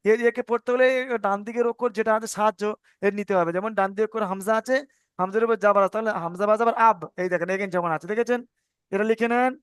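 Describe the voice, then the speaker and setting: A male tajweed teacher walks students through the letters, saying each sound again and again and checking that they follow. His voice is high and smooth. It sits close and dry on the mic. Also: fairly even intonation, quick pace, no room sound. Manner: patient, repeats sounds and asks if understood. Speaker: Quran reading teacher. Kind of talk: online tajweed lesson.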